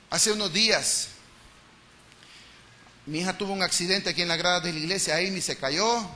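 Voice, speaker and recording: A man preaching a sermon in a church, lively and storytelling, acting out family conversations. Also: high voice. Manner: lively, acts out family dialogues, laughs at his own stories. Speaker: pastor.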